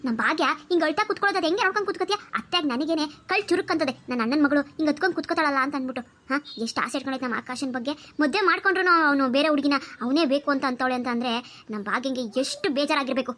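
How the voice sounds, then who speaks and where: Bossy, plotting middle-aged cartoon aunt, brisk delivery. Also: female voice, sits high, fairly bright tone. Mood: domineering. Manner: bossy, conspiratorial, scolding. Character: scheming middle-aged aunt and mother-in-law, domineering. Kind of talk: cartoon voice acting.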